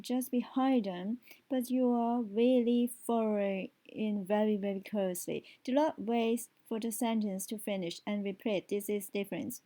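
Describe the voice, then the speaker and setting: A woman teaching English speaking tips, explaining step by step and often checking in with a quick question. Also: a little high, dark tone, poor audio. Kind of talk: spoken language lesson.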